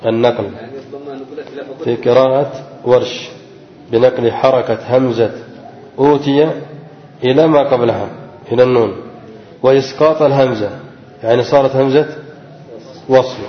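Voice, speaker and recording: A male teacher giving a lecture on a classical grammar text: he reads a passage aloud, then explains it slowly and quizzes his students. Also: medium pitch. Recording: dull, echoey recording in a large hall.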